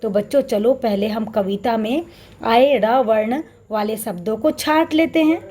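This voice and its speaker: Woman teacher, slightly high mellow voice, patient step-by-step explaining to young kids. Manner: patient, explains slowly, often addresses children. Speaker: primary school teacher. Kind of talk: recorded classroom lesson for children. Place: Chhattisgarh, India.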